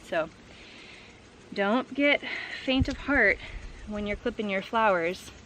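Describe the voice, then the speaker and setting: A woman's voice: medium pitch, expressive, takes it slowly, a bit bright, a little hiss or hum. A woman flower farmer chatting casually to the camera while she harvests outdoors, upbeat and full of "like" and "um". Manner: chatty and upbeat, lots of fillers like "like" and "um". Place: outdoors in a flower field on a farm. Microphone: camera set low on the ground.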